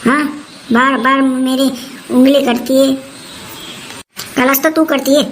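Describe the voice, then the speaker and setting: A woman's voice: high voice, level tone, takes it slowly, slight background noise, poor audio. A woman playing a bossy, nagging old mother-in-law who scolds and threatens in rustic dialect, in a comic family skit. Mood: scolding.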